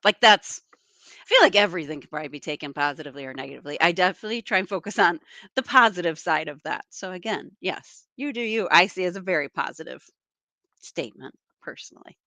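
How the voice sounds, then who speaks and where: Bright, animated woman author; candid guest, close dry mic. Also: fairly low pitch, quick pace, no echo. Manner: animated, laughs often, candid. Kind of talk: casual interview chat.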